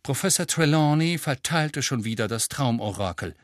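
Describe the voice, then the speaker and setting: A man reading an audiobook aloud as narrator, in steady, expressive storytelling. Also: medium pitch, moderate pace, dry recording, clean studio sound. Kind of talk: scripted narration.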